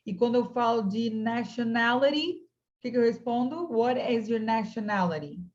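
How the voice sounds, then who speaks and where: A woman's voice: on the high side, normal speed, lo-fi sound. A woman teaching an online English class, patiently modeling phrases for her students.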